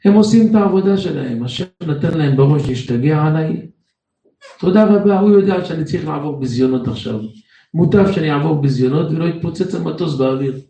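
A man voicing a humble, devout father close to sixty who accepts everything calmly, speaking earnestly in a roomy echo from a distant mic. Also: a little high, vocal fry.

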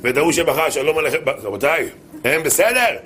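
A man preaching a humorous sermon, telling anecdotes in an animated way with many repetitions. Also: on the high side, slight background noise.

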